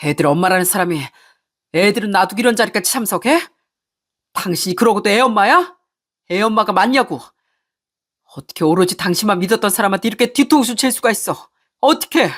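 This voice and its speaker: A woman's voice: medium pitch, animated, moderate pace, long pauses, slightly rough. A woman voicing a betrayed husband who angrily accuses his wife. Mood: angry, accusing. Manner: angry, accusing.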